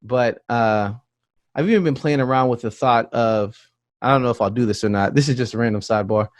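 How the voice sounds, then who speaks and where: A man's voice: mid-range voice, a little fast, no room sound. A man hosting an interview, talking in a chatty way with jokey asides and frequent restarts. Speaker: podcast host. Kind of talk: casual interview chat.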